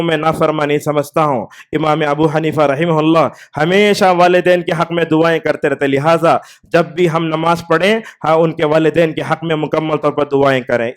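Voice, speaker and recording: A man delivering a Friday sermon in a mosque, telling stories with a voice that rises and falls with the tale. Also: on the high side. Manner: storytelling preacher, voice rising and falling with the tale. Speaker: preacher.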